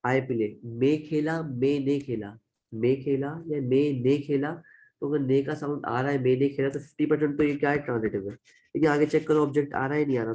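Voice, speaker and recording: A man's voice: medium pitch, warm tone, low-quality recording. A man with a Pakistani accent teaching a grammar lecture, explaining step by step and repeating each example. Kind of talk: classroom-style grammar lecture.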